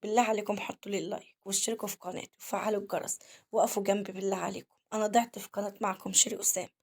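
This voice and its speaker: A woman with an Egyptian accent rattles off a story at a very fast pace, her voice rough with vocal fry. She speaks to her viewers directly as a home vlogger while she cleans her kitchen. Her pitch sits in a middle range. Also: fairly even intonation, darkish tone. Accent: Egyptian Arabic. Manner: talks fast, keeps addressing viewers directly.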